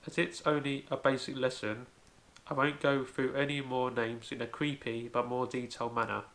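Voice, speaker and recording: A man with a gravelly, creaky voice at a middle pitch teaches a home-made language lesson. He explains carefully, one step at a time, and often opens with "so". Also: flat delivery, moderate pace, a bit bright. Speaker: language video host.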